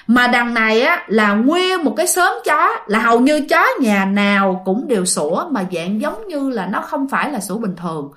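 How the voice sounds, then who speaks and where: Phụ nữ kể chuyện ma giọng Nam. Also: female voice, a little high, animated, normal speed, few pauses, fairly bright tone. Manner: chatty, addresses listeners directly. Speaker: ghost story narrator. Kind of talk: casual storytelling of a listener's ghost story.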